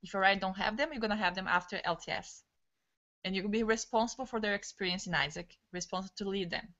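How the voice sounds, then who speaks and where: A woman trainer leading an online team session, talking quickly and excitedly, restarting words, in non-native English over a video call. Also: medium pitch. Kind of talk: live online training talk. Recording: dull lo-fi video-call audio.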